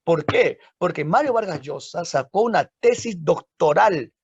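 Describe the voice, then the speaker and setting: A man's voice: high-pitched, expressive, a little slow, darkish tone, slightly rough, no echo. A man with a Peruvian accent, a literature teacher telling a story as a dramatic lecture, with frequent tag questions to his listeners. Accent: Peruvian Spanish. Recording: dull lo-fi recording.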